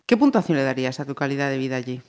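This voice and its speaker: An interviewer with a smooth, clear voice asks short questions and keeps the conversation moving with quick acknowledgements. The tone is casual and even. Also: mid-range voice. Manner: short prompts and frequent acknowledgements.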